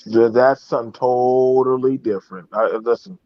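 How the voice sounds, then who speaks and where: A man's voice: mid-range voice, fairly even intonation, normal speed, dry recording, lo-fi sound. A man in a casual, heated online discussion, speaking emphatically and repetitively with heavy swearing.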